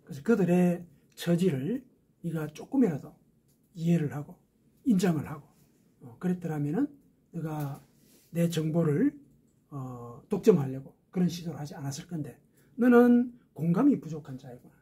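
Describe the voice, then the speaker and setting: A man's voice: on the high side, lively intonation, normal speed, dark tone, slightly rough. A man preaching a sermon as a pastor, explaining step by step with rhetorical questions.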